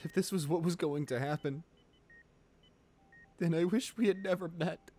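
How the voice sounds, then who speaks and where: In an intimate romantic ASMR roleplay, a man plays a ruthless yet devoted lover, speaking haltingly, emotionally and pleadingly. His natural voice is a little high with a dark tone, and he sounds anguished.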